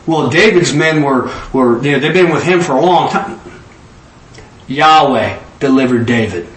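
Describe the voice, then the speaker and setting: A man teaching an informal bible lesson in an animated way, often slipping into voices. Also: mid-range voice, moderate pace. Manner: animated, jumps into acted-out voices. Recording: roomy echo from a distant mic.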